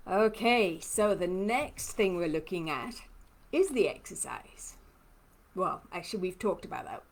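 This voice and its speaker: Speaking in a mid-range voice, a Trinidadian lymphoedema therapist with a hard-to-place, mixed accent chats on a live stream and answers viewer comments. Her manner is personal and talkative, and she laughs often.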